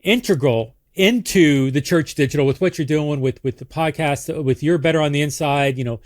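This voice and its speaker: A man's voice: fairly high pitch, normal speed. A man hosting a podcast, chatting casually and rambling with many restarts and repeated words. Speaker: podcast host. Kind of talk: casual interview chat.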